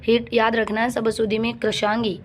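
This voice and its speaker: A woman's voice: a little high, flat delivery, a little fast, slight background noise. A woman teaching a Hindi spelling lesson for exam preparation, repeating each word and telling students to memorize it. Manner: drills words by repeating them, urging students to memorize.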